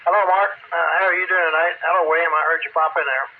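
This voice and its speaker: An older man chatting casually over two-way radio as an operator, in a hesitant, halting way. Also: fairly high pitch, fairly even intonation, narrow, tinny audio. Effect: two-way radio transmission. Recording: band-limited GMRS radio audio, faint static.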